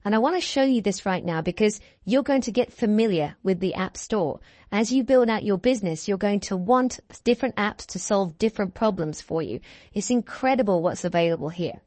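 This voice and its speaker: Woman teaching an online course, mid-pitched voice, cheerful and encouraging, talks you thru each step. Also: animated, a little fast, darkish tone, dry recording. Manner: upbeat, reassuring, walks through steps. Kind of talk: screen-share tutorial narration.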